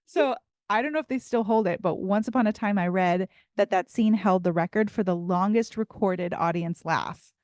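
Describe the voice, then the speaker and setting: A woman co-hosting a podcast, recapping an episode in a chatty, animated way and laughing often. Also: mid-range voice, normal speed, dry recording. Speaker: podcast co-host. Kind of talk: casual recap chat.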